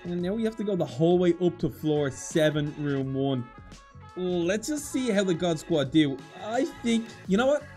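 High-voiced excitable gamer man. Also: moderate pace, soft background music. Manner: animated, dramatic, self-mocking. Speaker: gaming YouTuber. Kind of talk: excited gameplay commentary.

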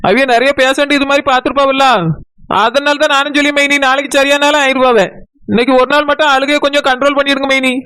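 A cheeky, meddling young sister-in-law, as a woman acts her out coaxes in a high cartoon voice with Tirunelveli Tamil speech. The sound is close and dry. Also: little pitch movement, fast, a bit bright, no room sound. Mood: coaxing. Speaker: cartoon character.

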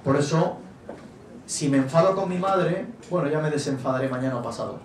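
Middle-aged man, lively storyteller, slightly high voice, distant mic in an echoey hall. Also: a little fast. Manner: animated, jokey, acts out quotes. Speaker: author guest. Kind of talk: relaxed storytelling talk. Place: event hall before an audience. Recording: echoey venue, distant mic, faint noise.

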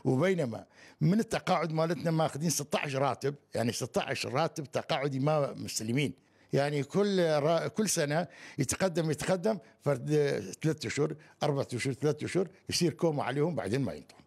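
A man's voice: a little high, fast talker, creaky, a little mellow, slightly rough. A man in his seventies from Kurdistan, answering colloquially in an interview. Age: 70s. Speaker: retiree being interviewed. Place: indoor living room. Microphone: handheld interview microphone.

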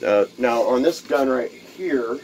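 In a cluttered home workshop, a DIY video host with a medium-pitched, darkish voice walks through a build step by step, taking his time. His casual how-to demonstration rambles, full of fillers and repeated words, over slight background noise.

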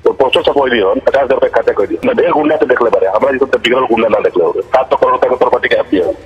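Man, Bhojpuri accent, mid-pitched, menacing and blunt, arguing over a lo-fi phone line. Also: racing. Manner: threatening, blunt. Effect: phone call. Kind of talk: confrontational phone argument. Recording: dull phone call recording. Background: music.

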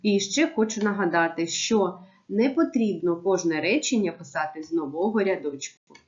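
A woman teacher giving a remote lesson to young pupils, with clear, measured instructions. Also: lowish voice, lively intonation, muffled recording. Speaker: primary school teacher.

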